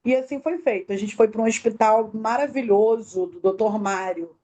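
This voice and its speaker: Woman, soft mellow voice. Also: fairly high pitch, normal speed, muffled recording. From Brazil. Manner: tells the story in detail, acting out quoted dialogue. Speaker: interview guest, bereaved mother. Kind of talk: emotional personal testimony.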